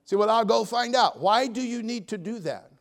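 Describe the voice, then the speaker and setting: Preaching a sermon in the style of a folksy Baptist pulpit veteran, this man from the United States is in his seventies and has a noticeably high-pitched, creaky voice at a moderate pace. He swings emphatically between loud exhortation on key phrases and quiet, joking asides.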